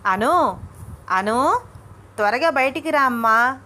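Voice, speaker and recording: A woman's voice: fairly high pitch, normal speed, sharp tone. A woman voicing a fond, middle-aged mother-in-law.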